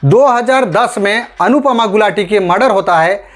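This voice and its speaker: At a normal speed, a man from India with a high voice gives scripted news commentary aimed at an online audience. He is emphatic, leans on rhetorical questions, and calls his listeners friends.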